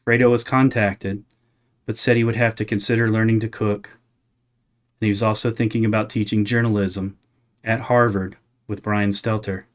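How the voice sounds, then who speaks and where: A man with a fairly low voice plays a parody news anchor. He reads scripted satirical items in the form of a straight news bulletin. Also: little pitch movement, moderate pace.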